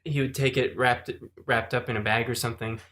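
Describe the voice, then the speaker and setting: A man co-hosting a casual podcast, telling a story in a halting way and repeating his words as he goes. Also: mid-range voice, level tone, noisy background. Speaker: podcast co-host. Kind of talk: casual chat among friends.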